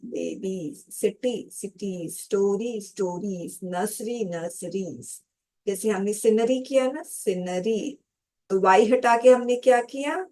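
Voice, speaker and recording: A woman's voice: medium pitch, darkish tone. A woman teaching English grammar in a lesson. She explains step by step, calls her viewers students, and answers her own questions.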